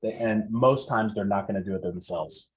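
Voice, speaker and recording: A man's voice: on the low side, moderate pace, rough recording. A man co-hosting a casual tech podcast, enthusiastic and conversational. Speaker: podcast co-host.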